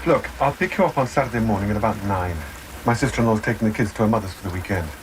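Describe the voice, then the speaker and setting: An actor playing a widowed detective, speaking quietly and intimately. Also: male voice, lowish voice, racing, noisy background, lightly acted. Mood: tender. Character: widowed male detective courting a woman, hushed.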